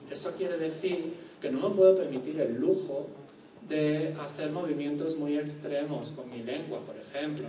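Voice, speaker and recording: A man's voice: medium pitch, darkish tone, a little hiss or hum. Man lecturing in an echoey hall. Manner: explanatory, uses rhetorical questions. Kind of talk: university lecture. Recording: echoey room from far off, faint ambience.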